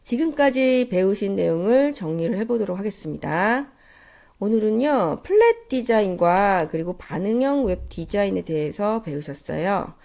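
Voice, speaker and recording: A woman's voice: mid-range voice, big pitch swings, normal speed, gravelly, dark tone. A woman lecturer with a nasal, stuffed-up cold voice, giving a polite, explanatory lesson. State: congested with a cold. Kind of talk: instructional slide lecture.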